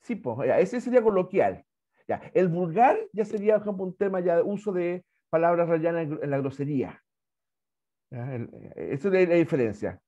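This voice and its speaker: A man's voice: on the high side, expressive, moderate pace, mellow, dull audio. A Chilean man teaching an online language class, chatty and repetitive, often checking in with "¿ya?". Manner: chatty, repeats words, asks "¿ya?" often.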